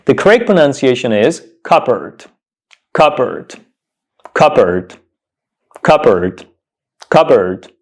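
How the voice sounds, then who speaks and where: A man's voice: medium pitch, darkish tone. A man teaching English pronunciation, repeating each word several times with strong emphasis. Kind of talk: slow, emphatic pronunciation lesson.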